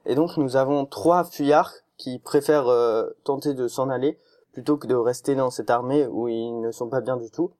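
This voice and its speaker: Man slowly summarizing a story. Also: medium pitch, a little mellow. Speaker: podcast reviewer. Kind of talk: casual review chat.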